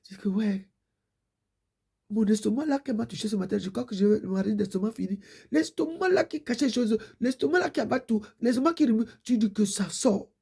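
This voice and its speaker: A woman's voice: fairly high pitch, brisk, creaky, dark tone, husky. A woman preacher giving a fervent exhortation and prayer, repeating her pleading prayer lines.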